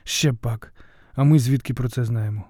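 A man's voice: medium pitch, moderate pace, warm tone, dry recording, natural voice. A man doing a sly, sardonic trickster god. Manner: dry, grumbling inner muttering.

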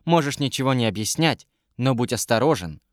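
A man reading an audiobook, voicing an anxious young woman servant who gives hushed, earnest warnings. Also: medium pitch, lively intonation, fairly quick, dry recording, studio quality, lightly acted. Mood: worried.

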